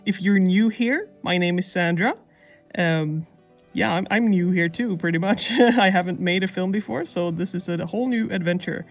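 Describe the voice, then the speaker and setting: A woman's voice: on the low side, normal speed. Casual, self-deprecating woman vlogger over music. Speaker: animation student vlogger. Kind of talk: casual devlog voice-over narration. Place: under a blanket indoors, processed in editing. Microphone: older camera used as mic.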